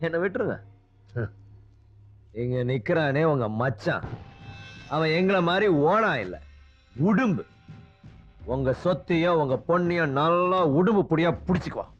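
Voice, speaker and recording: Guy doing a drunk young son, slurry and mocking, high voice swinging all over, dull film audio. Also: animated, moderate pace, pauses often, soft background music, natural voice. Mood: bitter. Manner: slurring, mocking then pleading. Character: drunk adopted young man defying his father. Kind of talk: film drama acting.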